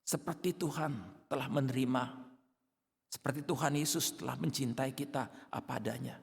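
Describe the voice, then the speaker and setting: Pastor preaching in a long-reverb hall. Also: male voice, mid-range voice, steady tone, normal speed, vocal fry. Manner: dramatic, shouts out acted outbursts. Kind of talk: sermon.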